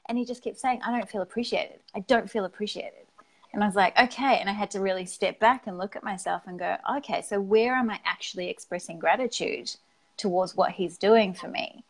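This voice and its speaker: A woman's voice: mid-range voice, fairly quick. A woman guest in a casual chat, talking candidly, acting out quoted lines and swearing now and then.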